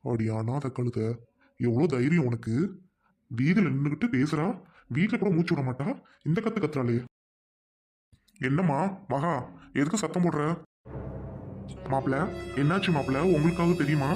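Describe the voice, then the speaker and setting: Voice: medium pitch, moderate pace, long pauses, darkish tone, faint music behind, close to an everyday voice. A performer playing a scheming, greedy middle-aged uncle who blusters and scorns his niece in an amateur drama skit. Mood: blustering.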